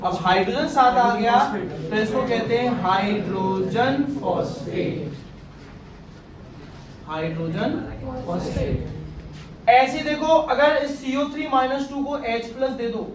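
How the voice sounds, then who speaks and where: A man's voice: extremely high pitch, a little slow, a crowd in the background. A male chemistry teacher giving a classroom lecture, often quizzing his class with questions. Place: classroom with students. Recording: echoey room, far from mic, class murmur.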